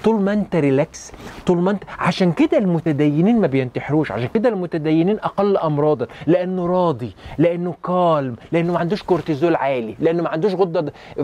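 Fast-talking Egyptian doctor, man. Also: on the high side, a little mellow. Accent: Egyptian Arabic. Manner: fast, urgent, lecturing, repeats points, addresses listener as "habibi". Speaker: doctor giving health advice. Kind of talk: rapid health talk to listeners.

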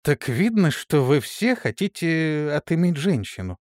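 A man's voice: fairly high pitch, sing-song, measured pace, darkish tone, no room sound, clean studio sound. A man voicing a stern woman officer who lectures crude crewmen with indignation, in an audiobook reading. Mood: stern scolding.

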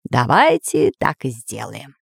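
A woman voicing a sensible male professor in a children's story, speaking lower and measured. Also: wildly swooping pitch, creaky, breathy edge, dry recording, studio quality, exaggerated voice. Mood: calm. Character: sensible older male professor, calm and thoughtful.

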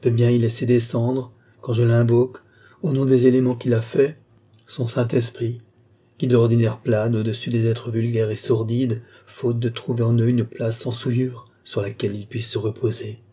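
Brief: man voicing solemn ambitious mesmerist, dark husky voice. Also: mid-range voice, little pitch movement, moderate pace, lightly acted. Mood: exalted. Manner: solemn, exalted declamation. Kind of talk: audiobook character reading.

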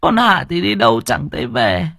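A man doing a tearful old grandmother, husky. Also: a little high, wildly swooping pitch, measured pace, no room sound, clean studio sound, pitched above the performer's own voice, exaggerated voice. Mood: panicked. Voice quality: husky, trembling stammer.

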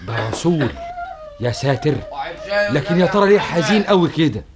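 A man's voice: on the high side, animated, a little fast, a loud crowd, close to an everyday voice. An actor playing a curious, knowing ordinary man with an Egyptian accent in colloquial drama banter.

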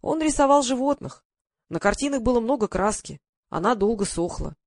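A woman voicing a frail old man who speaks slowly in short sentences, with a whistling lisp from bad dentures. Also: a little high, lively intonation, a little mellow, no echo, studio quality. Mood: fond. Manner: slow, halting.

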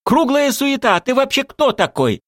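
A cheeky, sharp-tongued young woman activist, scornful and loud, her voice leaping high and swooping all over, as a male narrator puts her on in an audiobook. It sounds close and dry. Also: very animated, moderate pace, no echo. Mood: mocking. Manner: scornful, sarcastic, shouting.

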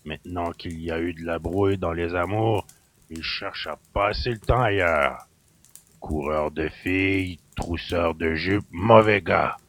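Gruff rustic innkeeper, deep gravelly grumble for an audio drama. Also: male voice, measured pace, a bit bright, full character voice. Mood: grumbling. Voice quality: gravelly, low and husky. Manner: grumbling, resentful, rustic speech. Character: gruff suspicious middle-aged male country innkeeper.

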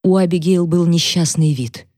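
Brief: woman audiobook narrator, measured and low-pitched. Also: darkish tone, dry recording, studio quality. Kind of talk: scripted narration.

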